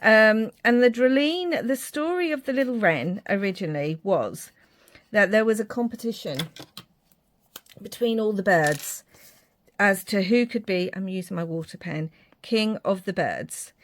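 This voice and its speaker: Speaking at a measured pace in an expressive, medium-pitched voice, a woman from Ireland chats to viewers during a casual craft tutorial. She wanders a bit, fills gaps with filler words, and teases herself about how poorly she draws.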